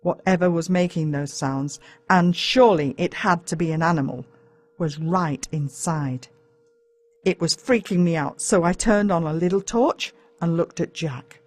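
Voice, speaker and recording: A female audiobook narrator with an Australian accent reads a scripted first-person children's story in a dramatic, suspenseful way. Her voice is fairly low and a little mellow, at a measured pace.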